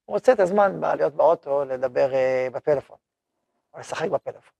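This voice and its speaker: A man's voice: a little high, animated, gravelly, darkish tone, husky, no room sound, highs cut off. A man teaching a Torah lesson as a rabbi, speaking conversationally and putting questions to his listeners. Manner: conversational, asks the audience questions.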